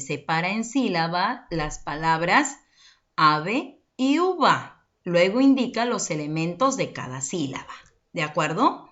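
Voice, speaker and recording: A woman's voice: medium pitch, a bit bright, lo-fi sound. A woman teaching an online class for children, patiently explaining and asking check-in questions.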